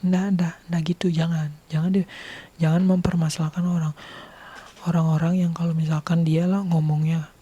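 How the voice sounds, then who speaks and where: A man from Bali with a Balinese accent, chatting casually to his viewers, laughing often and sometimes dropping into a soft whisper. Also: fairly high pitch, flat delivery, normal speed, husky. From Bali, Indonesia. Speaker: vlogger.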